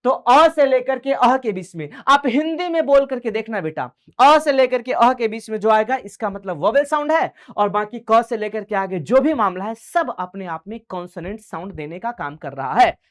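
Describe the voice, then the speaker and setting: A man's voice: sits high, lively intonation. A man teaching an online English grammar class for board exam preparation. He talks in a chatty, coaxing way, calls his students affectionate names, and asks and answers his own questions. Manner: mixes English grammar terms into fast conversational explanation.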